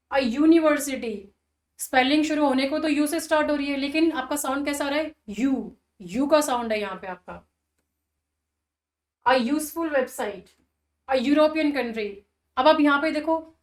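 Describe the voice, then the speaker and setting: A high-pitched woman teaches a grammar lesson and patiently explains each example. She poses questions to her students and answers them herself. Her voice rings in an echoey room. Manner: reads English example sentences slowly. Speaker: English teacher.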